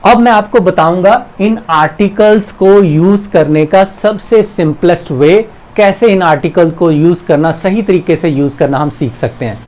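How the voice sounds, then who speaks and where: A man's voice: high-pitched, a little mellow, rough recording. A man teaching English grammar, patiently walking through examples and quizzing the viewer. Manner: patient, repeats examples and asks questions. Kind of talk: explanatory lesson.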